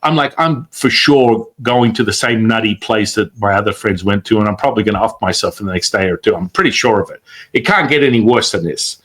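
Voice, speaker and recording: With a voice on the low side, this male show guest spins an animated, casual story. He readily acts out the quotes and swears often.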